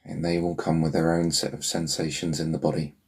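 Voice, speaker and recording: Speaking in a deep bass that is gravelly and husky, a man leads a guided healing meditation. He murmurs slowly and calmly, pausing at length between phrases, his tone level and a little mellow.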